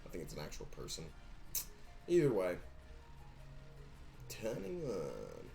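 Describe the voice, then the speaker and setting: A young man with a low voice chats loosely through a live stream, joking and rambling as he counts eggs aloud. He talks into a desk mic with faint game music in the background. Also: wildly swooping pitch, slow pace, creaky, dark tone. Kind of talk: casual live-stream chatter while gaming.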